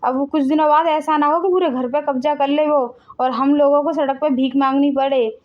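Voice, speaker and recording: A jealous, scheming elder sister-in-law, played by a woman in an animated family drama. She speaks high and sharp, sulking and plotting against the younger wife. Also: unhurried, highs cut off, close to an everyday voice. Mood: agitated.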